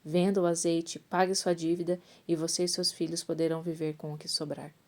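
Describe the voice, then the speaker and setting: A woman's voice: lowish voice, flat delivery, a little fast, a little mellow, natural voice. A woman voicing an elderly male prophet in a read-aloud Bible story, with small restarts and self-corrections. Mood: calm instruction.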